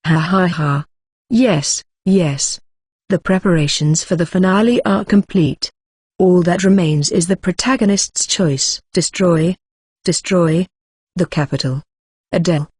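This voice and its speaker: A synthetic voice voicing a sinister monster posing as a demon, murmuring softly and gloating. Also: mid-range voice, a little slow, breathy edge, dry recording.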